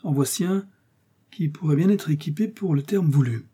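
A wry, knowing young swordsman muttering an aside to himself, as a man puts him on. The voice sits clearly higher than his usual and keeps a mellow, husky edge. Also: moderate pace.

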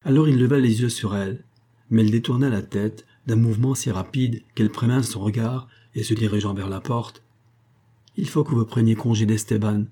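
Male audiobook narrator, measured and even, dark and husky. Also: fairly low pitch. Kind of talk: scripted narration of a novel.

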